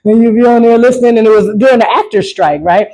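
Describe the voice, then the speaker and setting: A woman's voice: on the high side, a little mellow, rough recording. A woman performing a stand-up comedy set, talking loosely and with lots of swearing, often asking the crowd to agree with her. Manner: loose, profane, keeps asking the crowd "right?".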